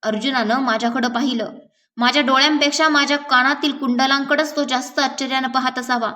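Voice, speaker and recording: A woman reading a novel aloud in a measured, gentle storytelling manner. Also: high voice, fairly even intonation, far from the mic. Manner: measured, gentle storytelling with small slips and restarts. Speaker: audiobook reader.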